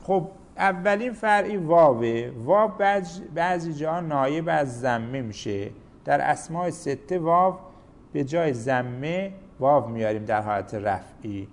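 A man's voice: a little high, lively intonation. A man teaching a grammar lesson, explaining rules step by step with examples.

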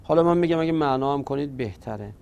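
A man's voice: a little high, animated, vocal fry, a little mellow, smooth, dull audio. A man teaching a recorded grammar lesson, patiently drilling verb forms one by one.

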